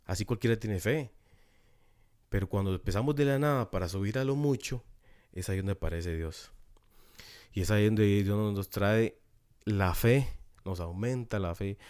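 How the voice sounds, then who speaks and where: A man preaching a sermon in a Costa Rican accent, earnest and repetitive, often dropping to a hushed tone. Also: fairly low pitch, dry recording, clean studio sound. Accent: Costa Rican Spanish. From Costa Rica.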